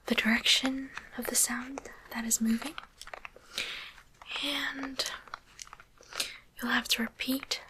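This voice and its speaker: Close to the microphone, a woman voices a curious, gently teasing demon doctor for ASMR, her whisper slow, deliberate and coaxing. She sounds slightly high-pitched, and there's noise in the background.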